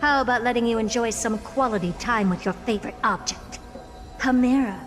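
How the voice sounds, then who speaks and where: An actress playing a haughty, smug young genius in a video game, speaking in a theatrical, condescending, taunting way. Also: female voice, on the high side, fairly quick, lightly acted. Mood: mock cheerful. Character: haughty, smug young woman genius toying with her victim. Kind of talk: scripted video game voice acting. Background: game music.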